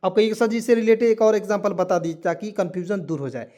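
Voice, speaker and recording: A man's voice: high-pitched, fast, a little mellow. A man teaching a spoken language lesson to viewers, spelling words letter by letter and asking them repeated quiz questions.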